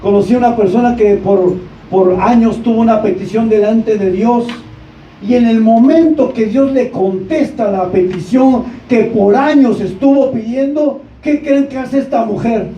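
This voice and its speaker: Male pastor, high mellow voice, preaching in a roomy church, mic set back. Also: unhurried, a little hiss or hum. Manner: preaches with rhetorical questions to the congregation, rising to shouts. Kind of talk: sermon. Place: church sanctuary. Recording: echoey church room, distant mic, dull sound.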